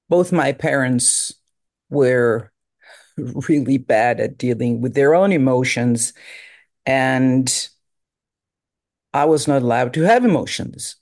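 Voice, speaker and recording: In a medium-pitched, darkish voice, a recovery group member in their fifties offers a frank and reflective personal testimony. They are a native French speaker and have a French accent.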